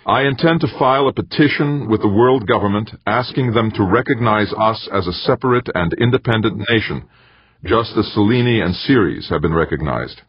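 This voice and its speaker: A man's voice: fairly low pitch, animated, normal speed, breathy edge, no echo, pitched above the performer's own voice. A man voicing a defiant new leader. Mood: rousing. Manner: rousing speechmaking. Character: newly elected male leader, bold and defiant. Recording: dull dry lo-fi recording.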